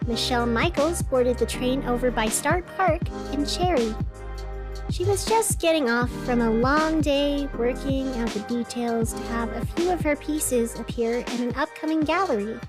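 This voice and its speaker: Over music, an actress with a high voice plays an anxious woman radio host in a scripted fictional broadcast, lightly acted. Deliberate and emphatic, she reports earnestly with strained cheer, insisting everything is fine.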